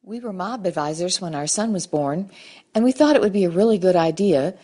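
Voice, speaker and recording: Woman telling a lively anecdote. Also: on the low side, fairly quick. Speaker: tribute speaker, former youth advisor. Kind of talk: anecdotal tribute.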